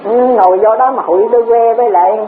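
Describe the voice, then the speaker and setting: A woman Dharma teacher gives a talk in a slightly high voice at a quick pace. She repeats herself, poses rhetorical questions and chuckles often. The tape sounds tinny, with a faint hiss.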